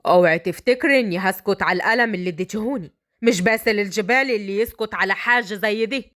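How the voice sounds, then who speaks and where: Cocky young guy, done by a woman storyteller, deep and teasing, talks fast. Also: a bit bright, lightly acted. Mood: taunting. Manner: provoking, teasing. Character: arrogant young man, the mayor's son.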